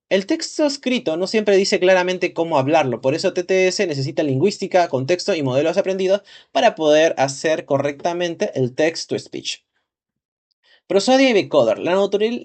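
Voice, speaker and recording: Male instructor, slightly high pitch, reads slide text and adds casual asides. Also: a little mellow. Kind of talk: reading and explaining lesson slides.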